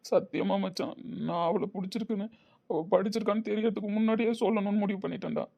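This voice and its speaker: A man's voice: sits high, steady tone, fast, creaky, dark tone. A man voicing a guilt-ridden lovesick husband. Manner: emotional, pleading.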